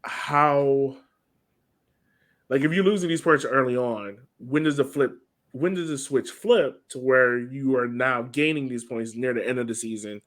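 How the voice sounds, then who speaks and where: Co-hosting an informal soccer podcast, a man chats casually about the game in a medium-pitched, slightly bright voice that runs a little slow.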